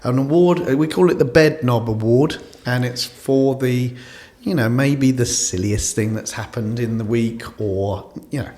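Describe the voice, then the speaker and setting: A podcast host who is also a company CEO chats and rambles in an office studio with a coffee table, using lots of fillers and restarts. His voice is medium-pitched, mellow, and unhurried.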